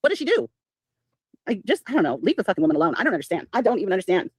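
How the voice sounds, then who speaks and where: Woman, livestream host, quick talker, sarcastic, swears a lot, close dry sound. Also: mid-range voice, sing-song, husky, no echo. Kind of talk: casual livestream chat.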